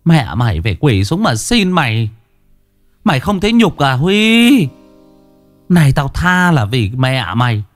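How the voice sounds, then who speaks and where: Man doing a shrill furious village woman. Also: huge pitch swings, fast, creaky, a bit bright, faint music behind, full character voice. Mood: angry scolding. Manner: shrill, scolding.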